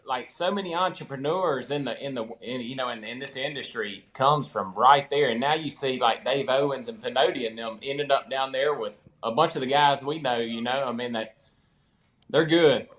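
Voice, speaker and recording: A man's voice: mid-range voice, moderate pace, a bit bright. A man, co-hosting a casual podcast with chatty asides. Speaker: podcast co-host.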